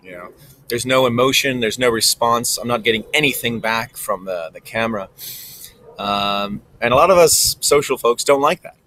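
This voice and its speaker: A man's voice: on the low side, pushed and bright, poor audio. A man giving a reflective vlog monologue to camera, thinking aloud in a casual way with frequent ums. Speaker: vlogger. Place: recording alone in front of a camera.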